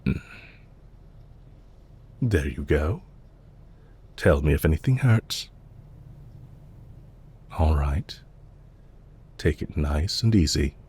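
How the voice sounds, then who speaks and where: In an intimate audio roleplay, a man voicing a suave, scheming villain leader addresses the listener with soft, polite, measured courtesy and a light tease. His rumbling low voice is animated, slightly rough, and heavily acted, with a considerate mood.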